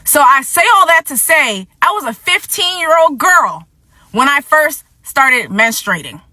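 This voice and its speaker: A woman's voice: high-pitched, big pitch swings, a little slow, sharp tone, no room sound. A woman hosting a vlog, delivering impassioned commentary in a blunt, angry, profane way, repeating points for emphasis and fighting back tears. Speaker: vlog host.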